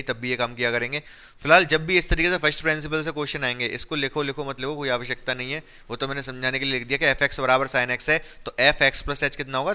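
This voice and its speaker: A man's voice: medium pitch, bright, forceful tone, clean tone. A man teaching a maths class, talking through the steps while he writes and quizzing his students. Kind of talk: classroom lesson explaining at a board.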